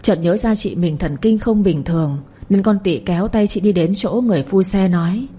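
A woman narrates a serialized family drama in an even storytelling read. Her voice is mellow and dark, with a husky edge. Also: medium pitch, moderate pace.

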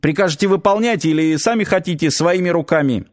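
A man voicing a dispassionate male officer in an audiobook, speaking flatly and matter-of-fact. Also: on the high side, brisk, voice pushed up, lightly acted. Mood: cold. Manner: flat, matter-of-fact, calm.

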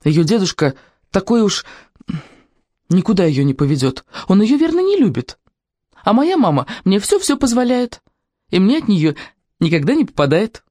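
A reader voicing Lyusya, a lively, impulsive young girl in an audiobook who exclaims and jumps from topic to topic. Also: mid-range voice, moderate pace, pauses often, no echo, studio quality, voice pushed up. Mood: chattering. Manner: excited, exclaiming, jumping between topics. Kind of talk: audiobook character reading.

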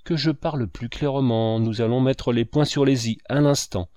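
A man voicing a proud, brutal male painter who mocks and shouts at his rival. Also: mid-range voice, steady tone, normal speed, no room sound, natural voice. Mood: furious. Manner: loud, mocking, shouting.

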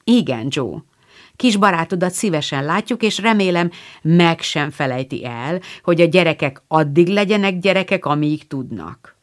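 Brief: woman playing a gentle mother, measured and low-toned. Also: lively intonation, lightly acted. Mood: calm. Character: gentle wise mother of four girls.

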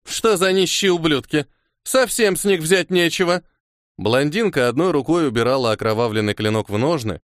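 Expressive male audiobook narrator. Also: medium pitch, dry recording, clean studio sound. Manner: expressive, measured storytelling.

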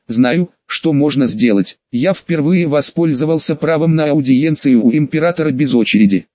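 A man narrating a fantasy audiobook, reading every character in one steady voice. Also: a little high, no echo, dull audio.

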